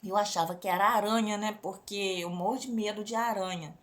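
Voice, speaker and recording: A woman's voice: mid-range voice, fairly even intonation, a little fast. A woman with a Brazilian accent telling a religious testimony to a congregation, often turning to the listeners as brothers and sisters. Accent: Brazilian Portuguese. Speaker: church member giving a testimony.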